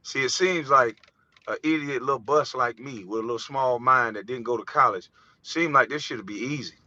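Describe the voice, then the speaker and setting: A man's voice: medium pitch, normal speed, pushed and bright, no echo. A man from the United States delivering an impassioned, profane vlog monologue, heated and preachy. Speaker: vlogger. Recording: dull, dry lo-fi recording.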